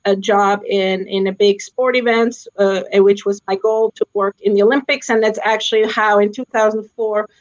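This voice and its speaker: On a slightly dull-sounding video call through her laptop webcam, a middle-aged sports executive and alumna guest talks from a small room with a plain wall. Austrian by birth and raised in Switzerland, she speaks casually and thoughtfully with many fillers. Her mid-range voice is steady in tone, at a moderate pace with few pauses.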